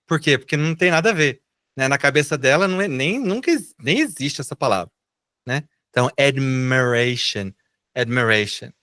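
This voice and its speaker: A middle-aged man from Brazil teaches a live online English class, his voice bright and somewhat high. He explains patiently and has students repeat words back to him. The sound is dry and close. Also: animated, fairly quick, dry recording.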